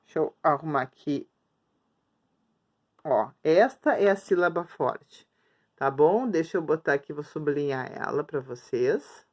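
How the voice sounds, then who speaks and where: A woman teacher records a lesson for young children at her screen, talking while she writes things up. She is patient and repeats herself a lot, drawing words out slowly syllable by syllable. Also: low-pitched, animated, a little mellow. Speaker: schoolteacher. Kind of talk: remote grammar lesson for children. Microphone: recording at a screen, writing on the board while talking.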